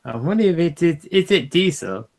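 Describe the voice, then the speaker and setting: A man's voice: fairly high pitch, big pitch swings, moderate pace, vocal fry, darkish tone. Hesitant man chatting on a livestream. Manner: hesitant, restarts often. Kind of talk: casual chat.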